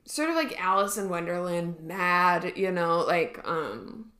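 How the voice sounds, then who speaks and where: A woman's voice: lowish voice, expressive, takes it slowly, pushed and bright. A woman co-hosting a podcast, chatting casually with a hesitant delivery full of fillers and restarts. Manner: hesitant, many fillers and restarts, laughs often. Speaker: podcast co-host. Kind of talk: casual chat. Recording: roomy echo.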